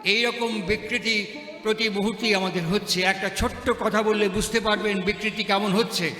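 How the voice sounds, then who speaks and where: A man's voice: high voice, fairly even intonation, moderate pace, sharp tone. A man giving a sermon at a festival stage, mixing stories with rhetorical questions and repeating his phrases for emphasis. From West Bengal, India. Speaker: religious speaker. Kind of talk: sermon with storytelling. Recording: echoey hall with music behind.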